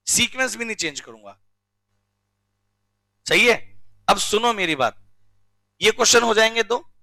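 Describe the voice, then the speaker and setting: A male teacher from India giving a classroom lecture, drilling rules slowly and often checking with questions. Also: high-pitched, bright, forceful tone, no room sound. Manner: recites rules slowly word by word. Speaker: commerce teacher.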